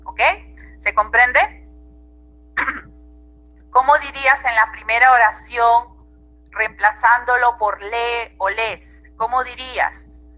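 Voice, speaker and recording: A woman's voice: on the high side, fairly even intonation, takes it slowly, long pauses, bright, forceful tone, low-quality recording. A woman teacher with a Peruvian Spanish accent, giving an online grammar class and checking in with her students often.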